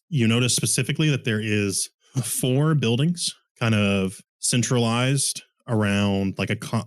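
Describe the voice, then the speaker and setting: A man's voice: lowish voice, no echo, clean studio sound. A man running a tabletop game as game master, describing scenes in a rambling way with many fillers while he is starting to lose his voice from a sore throat.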